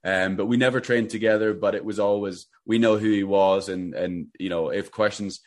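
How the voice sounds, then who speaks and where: Deep-voiced young Scottish man. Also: normal speed. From Scotland. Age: 20s. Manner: relaxed, rambling with many restarts. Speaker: interview guest, runner. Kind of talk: casual interview.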